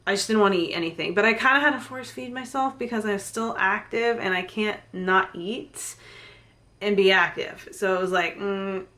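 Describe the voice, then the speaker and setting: A woman's voice: mid-range voice, normal speed, pushed and bright. A woman, candidly telling a personal story in a chatty vlog, laughing now and then. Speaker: fitness vlogger.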